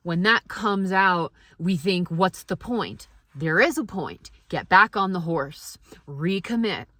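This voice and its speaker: A woman vlogger giving a casual, motivational monologue, speaking candidly and reflectively with halting pauses. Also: on the low side, fairly bright tone, no echo.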